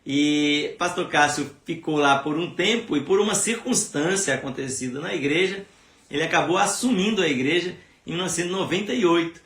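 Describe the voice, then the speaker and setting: A man's voice: on the high side, a little fast, a bit bright. A man with a Brazilian accent, a pastor hosting a church live stream in casual chat, rambling with many fillers and restarts. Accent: Brazilian Portuguese.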